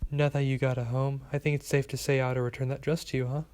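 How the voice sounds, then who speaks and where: A man voicing a gentle, caring middle-aged mother in an audiobook, close to his own gravelly voice. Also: medium pitch, little pitch movement, quick pace, close to an everyday voice. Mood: tender.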